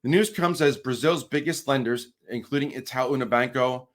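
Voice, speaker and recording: A man's voice: medium pitch, moderate pace. A man hosting a crypto channel, reading news articles aloud with wry asides and frequent restarts.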